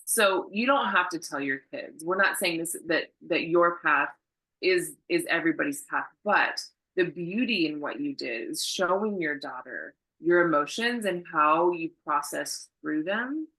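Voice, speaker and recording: A woman in her thirties hosting a casual interview, emotive and animated, acting out the voices of people in her stories. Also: low-pitched, measured pace, rough recording. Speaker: host, acupuncturist.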